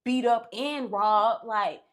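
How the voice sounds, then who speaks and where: A woman's voice: a little high, slow. A woman guest on a podcast, casually telling a long story with profanity and acted-out quotes. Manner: animated, profane, acts out quotes.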